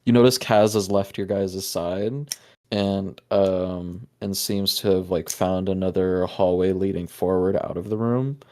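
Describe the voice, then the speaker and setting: Deep-voiced guy running a d and d game, chill and rambling, lots of ums. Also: steady tone, mellow. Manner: casual, halting, many fillers. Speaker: game master. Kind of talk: narrating a tabletop game.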